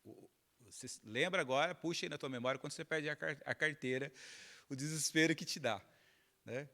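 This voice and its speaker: A man's voice: on the high side, fairly quick, sharp tone. A middle-aged man from Minas Gerais, a pastor telling a personal story during a sermon, acting out the dialogue and laughing along. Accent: Minas Gerais Portuguese.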